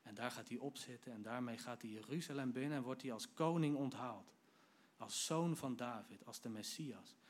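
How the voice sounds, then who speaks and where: A man's voice: mid-range voice, normal speed. A man giving a sermon, retelling a Bible story vividly and speaking directly to his listeners. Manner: lively storytelling, acts out quoted lines; addresses the audience directly. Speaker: preacher.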